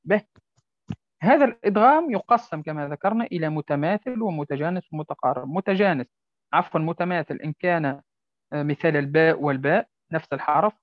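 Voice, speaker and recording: A male Quran recitation teacher giving a tajweed lesson on a poem, slowly drawing out and repeating example words. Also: fairly high pitch, no room sound. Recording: dry, dull lo-fi sound.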